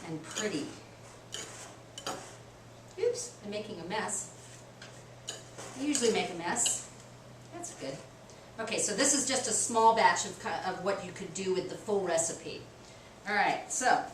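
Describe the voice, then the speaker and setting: A woman's voice: medium pitch, fairly bright tone. A woman hosting a library's cooking show, talking casually and self-deprecatingly with many ums as she demonstrates a recipe in a kitchen. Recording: echoey kitchen, distant mic, faint noise.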